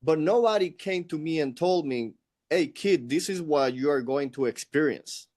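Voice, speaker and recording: A man's voice: a little high, lively intonation, normal speed, a little mellow. A middle-aged man from Venezuela with a Venezuelan Spanish accent, a Spanish speaker, telling his story as an interview guest in an earnest, reflective way.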